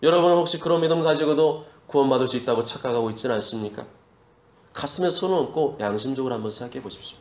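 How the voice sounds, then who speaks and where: A man's voice: mid-range voice, rapid-fire, echoey room. A man preaching an expository sermon as pastor, emphatic, repeating his exhortations and mimicking grumbling believers.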